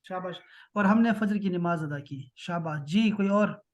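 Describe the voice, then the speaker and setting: A man teaching an Arabic reading class in Urdu, reading slowly and translating line by line, with frequent encouraging praise. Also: sits high.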